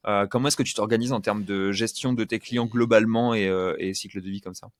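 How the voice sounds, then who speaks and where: A man's voice: on the low side, fairly even intonation, fairly quick, no echo, clean studio sound. A man hosting a casual podcast interview who asks long, winding questions full of hesitations. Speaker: podcast host.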